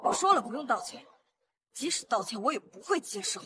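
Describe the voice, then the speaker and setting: A woman's voice: on the high side, very animated, fairly quick, background noise. A young woman playing a vengeful, coolly assertive wife in a short melodrama. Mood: cold defiance. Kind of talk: melodramatic short-drama acting.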